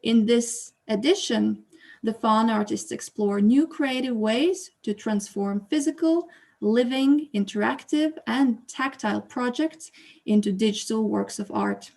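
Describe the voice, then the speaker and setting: A woman who curates and hosts an online exhibition opening reads a prepared statement over a video call, then moderates, slipping into hesitant fillers once off script. Her voice is slightly high, creaky, and darkish, and she speaks without hurry.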